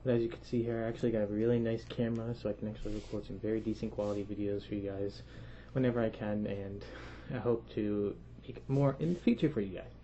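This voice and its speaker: A young man vlogging from inside a costume head, so his voice comes out muffled. He has a warm, mellow tone and a chatty, rambling way of telling his story. The recording is a bit dull and lo-fi, with faint noise behind him. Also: on the low side, steady tone, quick pace. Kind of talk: casual storytelling to camera.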